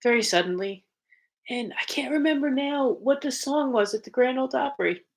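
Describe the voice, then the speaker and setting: A woman's voice: sits high, moderate pace, vocal fry. Rambling young woman chatting casually. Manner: rambling, restarts often, emotional. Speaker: co-host of a paranormal channel. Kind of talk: casual live-stream chat.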